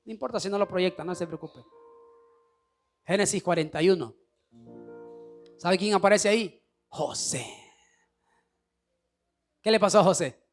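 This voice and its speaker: High gravelly preaching pastor. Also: male voice, measured pace, pauses often, soft background music. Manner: preaching with shouted, sing-song climaxes and soft asides. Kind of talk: sermon. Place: church.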